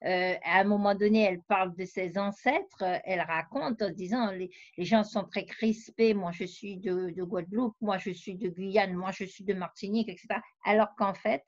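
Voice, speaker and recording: A woman's voice: medium pitch, fairly even intonation, normal speed, few pauses, dry recording. A woman researcher and novelist, interviewed, explaining her ideas at length with frequent hesitations. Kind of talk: conversational interview. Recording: dull lo-fi dry sound.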